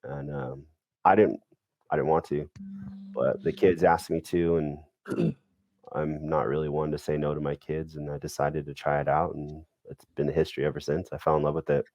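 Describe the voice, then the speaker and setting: A man's voice: a bass voice, little pitch movement, normal speed, a little mellow, dry recording. A middle-aged man, a podcast guest, telling family stories in a laid-back, laughing way. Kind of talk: casual storytelling.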